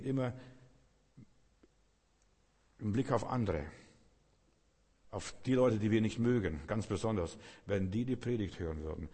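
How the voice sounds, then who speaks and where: A man delivers a sermon in an earnest, direct way, speaking straight to his listener. His voice is low and husky. The sound rings with a long reverb. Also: darkish tone. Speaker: preacher.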